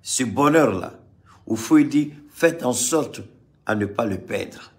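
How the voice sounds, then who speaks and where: A man from Mali giving impassioned political commentary to a live audience, repeating phrases for emphasis and swinging between loud and quiet. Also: mid-range voice, animated, slow pace.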